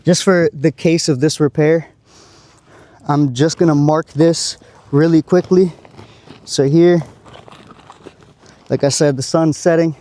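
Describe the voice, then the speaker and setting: A man working as a roofer, talking through a shingle repair step by step, his voice going hoarse after a long day. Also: a little high, steady tone, takes it slowly, pauses often, warm tone. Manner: careful, explaining each step. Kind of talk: on-site repair walkthrough. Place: on a rooftop outdoors.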